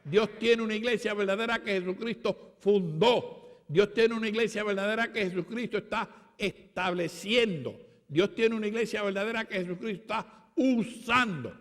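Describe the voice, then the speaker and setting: A man's voice: high voice, moderate pace, fairly bright tone. A Puerto Rican man preaching a sermon at a conference, with emphatic, repeated declarations. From Puerto Rico. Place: conference hall. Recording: long hall reverb.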